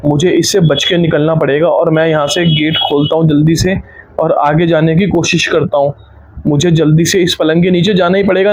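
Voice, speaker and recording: A young man giving frightened, hurried commentary as he plays a horror game, narrating each move to his viewers. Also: a little high, rough recording. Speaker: gaming YouTuber.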